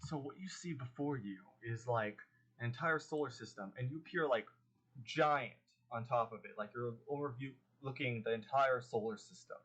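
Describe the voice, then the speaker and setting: A man runs a tabletop game, describing scenes in a loose, casual way. He uses plenty of fillers and restarts, and his voice sits at a middle pitch. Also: fairly bright tone, slightly rough. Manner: casual, halting, with many fillers. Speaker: game master.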